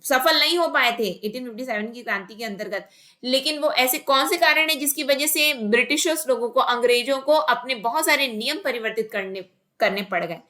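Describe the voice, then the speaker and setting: Woman teacher doing an online lesson, with words thrown in, bright sharp voice, asks stuff then answers it. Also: sits high, fairly quick. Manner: explains by asking and answering her own questions. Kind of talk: online exam-prep lesson.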